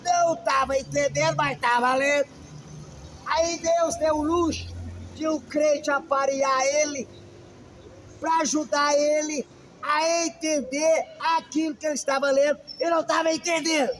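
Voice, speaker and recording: A man's voice: very high-pitched, steady tone, moderate pace, a little hiss or hum, low-quality recording. A man, a pastor, preaching a sermon emphatically and calling out questions to his listeners.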